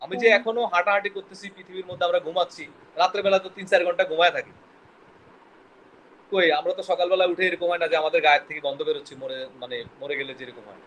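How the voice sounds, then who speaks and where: Quizzing students as he teaches biology, this man talks rapid-fire in a high-pitched, steady, somewhat bright voice, dropping in English terms and tripping over words. The low-quality recording carries a little hiss or hum.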